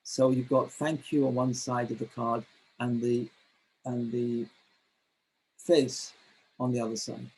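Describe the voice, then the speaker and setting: Male webinar trainer, dark husky voice, hesitant delivery full of ums. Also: mid-range voice, little pitch movement, low-quality recording. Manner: halting, many fillers and restarts. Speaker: teacher trainer giving a webinar. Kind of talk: webinar lecture.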